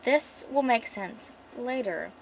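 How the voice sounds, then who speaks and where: A woman's voice: fairly high pitch, lively intonation, slow pace, creaky, slight background noise. A woman artist and streamer chatting casually while reading her comic script, rambling with many fillers and self-corrections.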